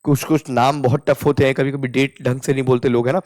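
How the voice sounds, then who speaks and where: A young Indian-accented man runs an informal English lesson at a mid pitch. He slips between Hindi and English and slows right down to repeat each example sentence. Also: level tone, darkish tone. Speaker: English teacher. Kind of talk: casual spoken English lesson.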